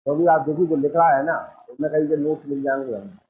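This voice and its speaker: Male coaching teacher, a bit high-voiced, tinny phone-like sound, drills the class with questions. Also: steady tone, a little fast. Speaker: Hindi teacher. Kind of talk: exam coaching lecture.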